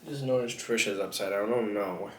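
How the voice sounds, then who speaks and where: A young man with a lowish voice speaks at a moderate pace as he eats on camera for a mukbang vlog. He chats casually, rambling and crude, cracking lots of jokes, in an echoey room with faint background noise.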